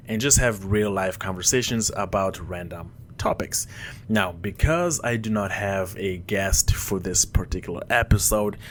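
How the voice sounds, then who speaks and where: A man in his twenties, born in Rwanda and raised in Mozambique, hosting a casual solo podcast, halting with many fillers and restarts. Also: fairly low pitch, a little hiss or hum. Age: 20s. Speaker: podcast host. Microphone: headphones on, podcast mic.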